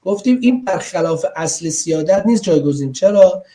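A man with a somewhat high but warm, soft-toned voice teaches a parenting class online, speaking into a computer mic. He talks in a chatty, explanatory manner and keeps asking his listeners questions to check they are following. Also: animated. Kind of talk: online lecture.

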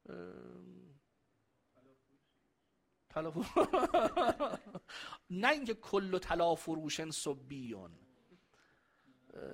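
A man's voice: fairly high pitch, gravelly. A man giving a religious lecture to a live audience, chatting and joking with them and reciting Arabic verses.

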